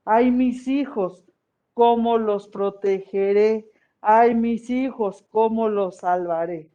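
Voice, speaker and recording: A weeping mother goddess who mourns her lost children in a slow, drawn-out wail, as a teacher puts her on for a class. The sound is dull and lo-fi, like audio from an online lesson. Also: mid-range voice, mellow, lightly acted. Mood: mournful lament.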